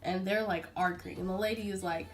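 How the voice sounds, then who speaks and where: A young adult woman tells a personal story to camera in a casual, dramatic vlogger style, acting out what people said. Her mid-range voice is brisk with fairly even intonation, and her manner is chatty and animated.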